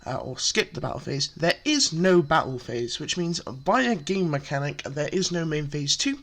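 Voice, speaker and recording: Casual male presenter with a slightly high voice, talks through a deck with frequent fillers. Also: animated, moderate pace, a bit bright. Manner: chatty, filler-heavy, explains step by step. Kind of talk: casual card game explanation.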